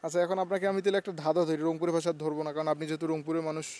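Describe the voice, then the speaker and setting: A man from Rangpur with a Rangpur Bengali accent, running a quick, teasing casual street interview outdoors. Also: on the high side, fairly even intonation, darkish tone. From Rangpur, Bangladesh. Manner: quick, teasing, laughs often.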